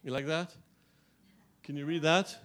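A middle-aged man from Guyana preaching a sermon as pastor, animated, with frequent restarts and rising emphasis. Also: fairly high pitch, a little slow.

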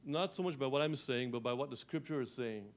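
Animated man preaching a sermon. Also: medium pitch, a little fast. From Guyana. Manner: animated preaching with repeated restarts and rising emphasis. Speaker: pastor.

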